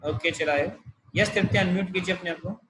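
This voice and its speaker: A man's voice: sits high, brisk, noisy background. A man teaching a math class over a video call, explaining each step patiently. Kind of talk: online math lesson.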